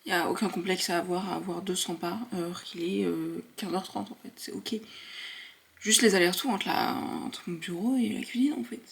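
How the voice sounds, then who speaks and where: Speaking to camera in a relaxed, slangy vlog, a university student in her twenties addresses her viewers. Her voice runs on the low side, gravelly, at a moderate pace.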